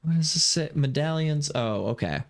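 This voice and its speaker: A man streaming live, chatting casually with viewers in an excitable, filler-heavy way. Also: on the high side, normal speed, dry recording, clean studio sound.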